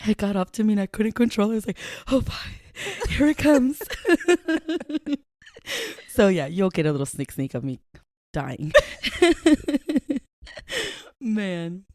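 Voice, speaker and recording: A woman's voice: mid-range voice, very animated, normal speed, darkish tone, no echo. A woman co-hosting a casual podcast chat with a sore, dry throat, dropping Spanish words into her talk. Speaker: podcast co-host.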